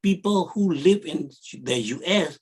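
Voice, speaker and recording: Earnest husky-voiced man. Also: fairly high pitch, animated, a little slow, a little mellow. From Burma. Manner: earnest, urgent, in plain non-native English. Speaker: community activist guest. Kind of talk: advocacy appeal on a virtual panel.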